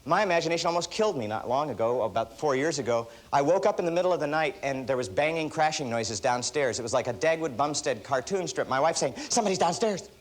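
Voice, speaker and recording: A man giving a seminar talk and telling stories in an animated, self-deprecating way. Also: medium pitch, fast talker, hardly any pauses. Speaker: motivational speaker.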